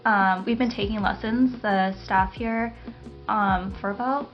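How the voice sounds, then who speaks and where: A woman's voice: medium pitch, a little slow, soft background music. Chatty woman podcast host, slightly dull sound. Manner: relaxed, chatty, many fillers. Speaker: podcast co-host, garden operations manager. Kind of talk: casual chat.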